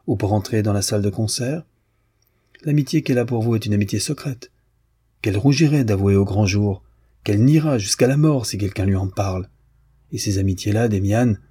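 Lecteur masculin jouant une jeune fille orgueilleuse et moqueuse, timbre sombre et voilé, ton dédaigneux. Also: male voice, on the low side, warm tone, slightly rough. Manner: cutting, disdainful. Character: proud young woman, scornful and calm.

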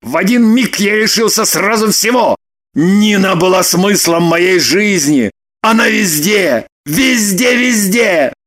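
A woman voicing a heartbroken, furious man in an audiobook, shouting and wailing in long, drawn-out outbursts. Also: mid-range voice, animated. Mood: aggrieved. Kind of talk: audiobook character voice.

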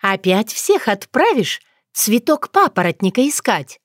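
A woman voicing an earnest young witch girl who exclaims and pleads in a raised, high voice. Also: sing-song, measured pace, no echo, studio quality. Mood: eager.

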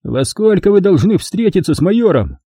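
A sly, smooth-talking young crook who coaxes softly and keeps things friendly, voiced by a male narrator. The voice sits a little high, dark and husky, recorded dry and close. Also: very animated, normal speed, dry recording, exaggerated voice. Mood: sly, coaxing.

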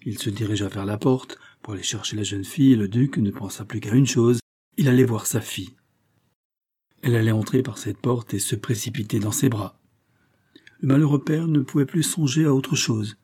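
A man narrating a novel as an audiobook, reading in a steady, theatrical way. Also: medium pitch, normal speed, breathy edge. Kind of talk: scripted narration.

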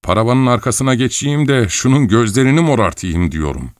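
A man voicing a hot-tempered, combative bald male clerk who blusters and shouts, in an audiobook. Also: mid-range voice, animated, a little fast, no room sound, clean studio sound, voice pushed up, close to an everyday voice. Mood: belligerent.

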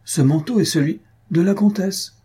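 A calm, composed count read by a man answers in cool, formal phrases. The voice is husky and dark, with a little lift in pitch. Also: normal speed.

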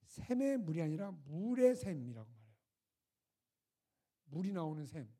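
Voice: medium pitch, big pitch swings, moderate pace, mellow, breathy edge. A preacher at a winter retreat, retelling a scripture story in a conversational way and putting rhetorical questions to the audience. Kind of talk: storytelling sermon.

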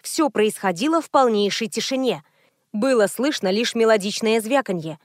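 High-voiced woman audiobook narrator. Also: animated, moderate pace, no room sound, studio quality. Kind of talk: scripted narration.

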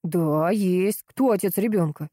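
A woman's voice: mid-range voice, animated, normal speed, warm tone, no echo, clean studio sound, natural voice. A woman voicing a strict, protective older brother who fires off demanding questions. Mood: stern.

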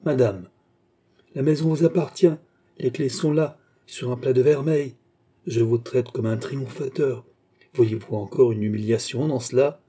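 A man voicing a courtly cardinal who flatters and coaxes a countess in an audiobook. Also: mid-range voice, unhurried, breathy edge. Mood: coaxing gallant. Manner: gallant, coaxing, flattering. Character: adoring, courtly older male cardinal.

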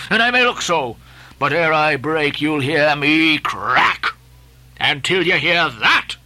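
A man's voice: sits high, pushed and bright, no echo, exaggerated voice, poor audio. A man voicing an obsessed old sea captain who barks orders in grandiose, archaic speech. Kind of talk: dramatic audiobook reading.

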